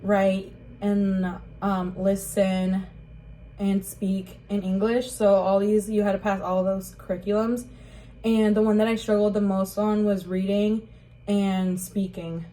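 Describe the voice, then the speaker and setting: A young woman from Rockford, Illinois, USA, talks about her life in an interview, speaking a little slowly with a dark, mid-range voice that shows little pitch movement. She hesitates frequently, with plenty of "like" and "um," in a casual recollection. The audio is poor.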